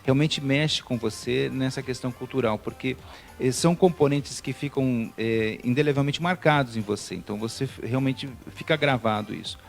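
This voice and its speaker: Brief: middle-aged Brazilian male teacher, gravelly voice, hesitant TV guest, faint music behind. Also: medium pitch, normal speed. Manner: hesitant, frequent fillers and restarts. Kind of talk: TV studio interview.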